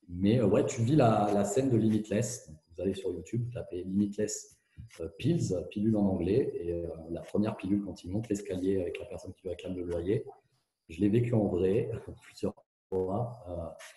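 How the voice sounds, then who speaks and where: A man speaking candidly as an interview guest, with fast, tumbling speech full of hesitations and restarts, heard through a hands-free kit. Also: sits low, mellow. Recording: echoey, muffled hands-free phone sound.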